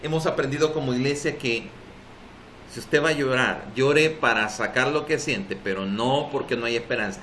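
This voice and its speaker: A man's voice: mid-range voice, moderate pace, pushed and bright, slight background noise. A man with a Salvadoran accent preaching a sermon as pastor at a church service, emphatic and drawing responses from the congregation. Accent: Salvadoran Spanish.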